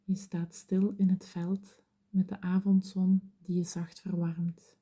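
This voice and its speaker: Female meditation guide, whispered delivery, very slow and dark-toned. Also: lowish voice, level tone, husky. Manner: slow, soothing, gentle.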